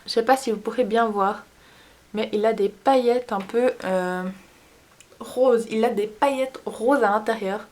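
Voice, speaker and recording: A woman with a Swiss French accent, chatting casually through a makeup haul and often pausing to search for words. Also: on the high side, a little mellow. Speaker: beauty vlogger. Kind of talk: casual product haul chat.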